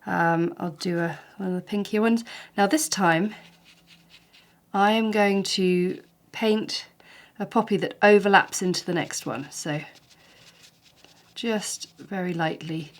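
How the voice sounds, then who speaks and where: Slightly stuffed up with hay fever, this woman walks viewers through a watercolour tutorial, warm, conversational and encouraging. She speaks slowly at a medium pitch.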